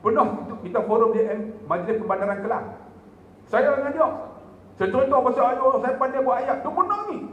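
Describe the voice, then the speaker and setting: A man's voice: very high-pitched, fairly quick, muffled recording. A middle-aged man with a Malaysian Malay accent, telling jokey stories to a mosque audience in a forum talk. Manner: jokey, addresses the audience directly, animated storytelling. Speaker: religious speaker at a forum. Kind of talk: humorous storytelling talk. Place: mosque hall. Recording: echoey mosque hall with faint ambience.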